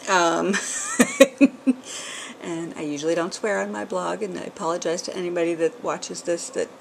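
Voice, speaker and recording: In a casual chat, a middle-aged vlogger from New England speaks in a lowish, steady voice at normal speed, with vocal fry and an accent mixing New England and some Southern. She's chatty and rambling, dotted with ums and small laughs; the camcorder's built-in mic gives poor audio with slight background noise.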